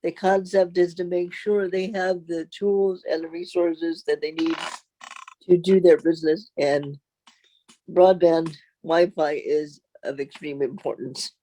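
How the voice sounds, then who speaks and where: A woman's voice: on the low side, steady tone, a little slow, warm tone, rough recording. A woman speaking as a presenter at a committee meeting, somewhat hesitant.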